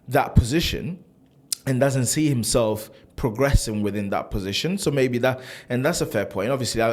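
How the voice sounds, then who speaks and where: A man born and raised in Italy, a football fan vlogger, ranting in a casual, animated and frustrated way, full of restarts and rhetorical questions. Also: mid-range voice. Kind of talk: casual opinion rant to camera.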